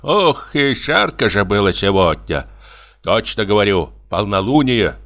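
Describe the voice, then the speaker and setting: A man's voice: on the low side, sing-song, unhurried, fairly bright tone, full character voice. A man voicing a fussy, meddling old village woman in an audiobook, lamenting in a folksy drawl.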